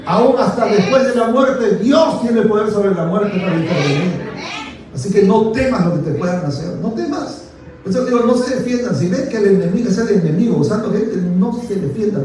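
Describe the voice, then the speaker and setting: A man's voice: high voice, darkish tone. A man pastor preaching a sermon with emphatic repeated phrases and playful asides, heard in an echoey hall from far off.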